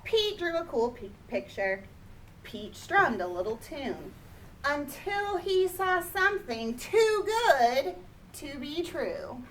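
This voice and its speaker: A woman's high, sing-song voice takes things slowly as she reads from a children's picture book, drawing out key words to emphasize them. She's an expressive storybook reader, heard through a distant mic over faint background noise.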